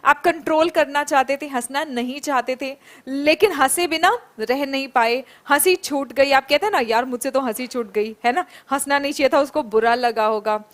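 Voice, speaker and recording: A woman teaching a live online spoken English class, praising students by name and drilling phrases slowly. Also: sits high. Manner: encouraging, calls students by name and praises them.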